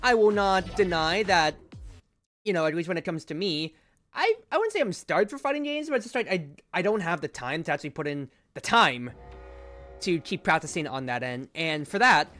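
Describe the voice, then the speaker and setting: A man streaming a game, chatting casually and rambling, with loud outbursts when the play gets exciting. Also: sits high, moderate pace, faint music behind. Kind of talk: casual gameplay commentary.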